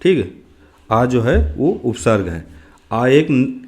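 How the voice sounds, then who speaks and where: Male exam-prep teacher, slightly hoarse, asks each question aloud and answers it himself. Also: medium pitch, lively intonation, slow, a little mellow. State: slightly hoarse, clearing throat. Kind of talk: exam prep grammar lesson.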